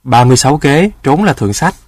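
A man's voice: medium pitch, expressive, normal speed, no echo, studio quality, natural voice. A man voicing a greedy, foolish male rooster in a storybook tale, boastful and easily panicked.

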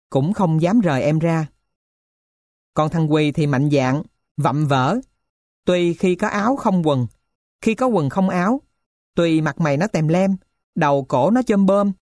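A woman narrating a novel in an even, measured reading. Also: low-pitched, no echo, studio quality.

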